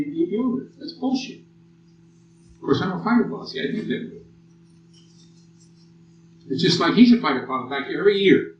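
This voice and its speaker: A man in his sixties with an American accent, lecturing a class and telling blunt, profane war stories. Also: medium pitch. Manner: blunt, profane, animated storytelling. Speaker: military lecturer. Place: lecture hall. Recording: muffled old tape from far off in an echoey room.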